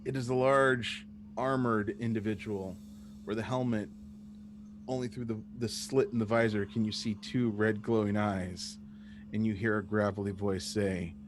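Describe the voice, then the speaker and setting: A man's voice: lowish voice, steady tone, normal speed. A man narrating a tabletop game as the game master. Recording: noisy voice recording with hum.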